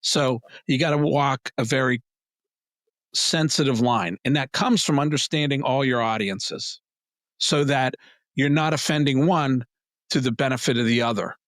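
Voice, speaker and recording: Mid-pitched guy, hoarse from talking, punchy answers, dry mic. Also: normal speed, dry recording. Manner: emphatic, plain-spoken, animated pitch jumps. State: losing his voice. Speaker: PR agency head, guest. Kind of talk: interview answers.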